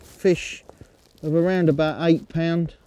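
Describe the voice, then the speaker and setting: A middle-aged man calmly explaining his fishing method outdoors at a lakeside, speaking steadily into a lapel mic. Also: a little high, takes it slowly, slight background noise. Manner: calm, steady, explaining as he fishes. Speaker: angling coach.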